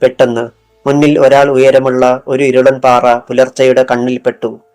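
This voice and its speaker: A man's voice: medium pitch, flat delivery, moderate pace, a little mellow. A man reading a thriller audiobook in scripted narration, dropping his voice for quoted lines. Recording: faint music underneath.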